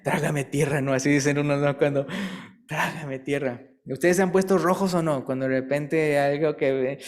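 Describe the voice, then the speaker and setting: A male preacher giving a relaxed, conversational sermon, asking the congregation questions and telling light jokes. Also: fairly high pitch, a little fast. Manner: chatty, asks listeners questions and tells jokes.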